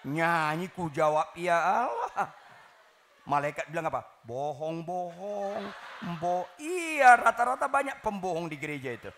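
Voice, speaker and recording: A man preaching with a high, sharp voice that swoops up and down. He teases the congregation and throws in shouted punchlines. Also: normal speed, a little hiss or hum. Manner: animated, teasing, shouts punchlines. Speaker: pastor. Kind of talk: sermon. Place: church hall.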